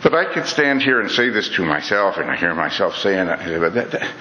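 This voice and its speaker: Speaking low-pitched and fairly quickly, with big swings in pitch, this middle-aged man delivers a reflective talk to an audience in a pushed, bright voice. His earnest, conversational style is peppered with "you know" and restarted phrases. A dull lo-fi capture of a reverberant hall carries a little hiss or hum.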